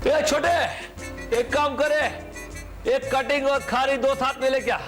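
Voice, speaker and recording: A man voicing a loud, shrill Bombay street guy in a TV comedy sketch, shouting fast and squeaky. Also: steady tone, soft background music. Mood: bossy.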